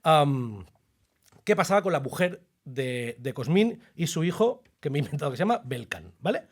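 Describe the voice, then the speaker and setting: A man, co-hosting a podcast and telling a personal story in a chatty, animated way. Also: a little high, normal speed, husky. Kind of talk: casual chat, then scripted narration over music.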